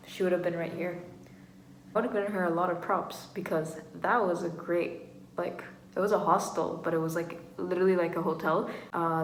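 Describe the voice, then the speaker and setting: A young woman travel vlogger telling stories in casual chat, rambling and full of filler "like"s. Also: lowish voice. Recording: echoey room with faint noise.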